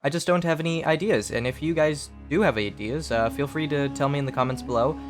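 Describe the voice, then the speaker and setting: A man who sounds sick, hosting his gaming channel with easygoing, rambling gameplay commentary full of pauses. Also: on the high side, faint music behind. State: sick, stuffy voice.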